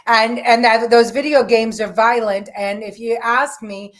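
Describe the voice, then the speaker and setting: Woman talk-show host, opinionated, emphatic, voice on the higher side. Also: steady tone, measured pace, a loud crowd. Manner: emphatic, opinionated, many restarts. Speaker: podcast host. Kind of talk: political talk show chat.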